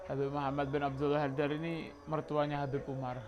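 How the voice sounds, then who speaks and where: A man's voice: on the high side, monotone, fast talker, lo-fi sound, soft background music. A man giving a sermon, telling stories and acting out quoted dialogue as he teaches from a religious book. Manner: storytelling, acts out quoted dialogue, mixes in Javanese and Arabic. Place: religious study gathering.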